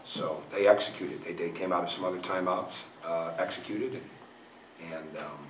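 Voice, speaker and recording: A middle-aged man with a low voice answers reporters after a game. He is frank and keeps repeating and restarting his words. His voice echoes around a press room and is caught from a little way off the mic. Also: moderate pace, slight background noise. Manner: frank, repetitive, restarts phrases. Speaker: college basketball coach. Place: press room in front of a logo backdrop. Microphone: table mic on a stand. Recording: roomy, picked up from a distance.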